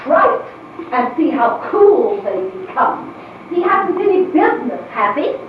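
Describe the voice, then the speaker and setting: A woman's voice: sits high, big pitch swings, measured pace. A woman acting a wealthy, bossy old aunt in a period drama, blunt and scolding in a haughty, exclamatory way. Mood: scornful. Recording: echoey distant muffled recording, faint noise.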